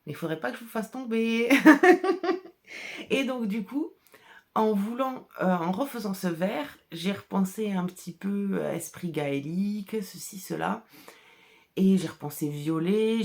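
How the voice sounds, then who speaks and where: A woman with a low, creaky, slightly mellow voice and a regional French accent chats casually on her podcast about dyeing yarn colours, laughing often. She's a hand-dyer who owns a shop.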